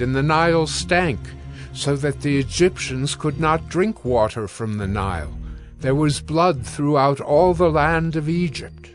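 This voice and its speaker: A man with a mid-range voice reads scripture aloud from a script, telling it in a measured, formal storytelling manner.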